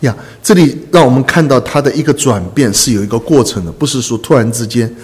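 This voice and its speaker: A man preaching a sermon to a congregation, earnest, repeating phrases and filling pauses with drawn-out "ah" sounds. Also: medium pitch, a little mellow. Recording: echoey hall reverb.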